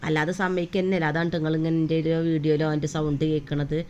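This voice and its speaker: Fast-talking mother vlogging. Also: low voice, flat delivery, darkish tone, a little hiss or hum. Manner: chatty, homely, with frequent tag words. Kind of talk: casual day-in-my-life voice-over.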